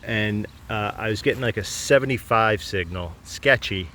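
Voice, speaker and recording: A man's voice: on the low side, moderate pace, pushed and bright. A man casually narrating a metal detecting vlog outdoors, thinking aloud a little hesitantly as he goes. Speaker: metal detecting hobbyist showing finds. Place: outdoors in a field or yard. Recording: clear outdoor background noise.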